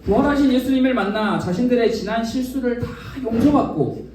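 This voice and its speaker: A children's ministry preacher with an extremely high, darkish voice speaks a little fast as he gives a children's sermon in a church worship room, asking the kids questions and acting out imagined dialogue. He's recorded from a distance in a very echoey space, with a little hiss or hum.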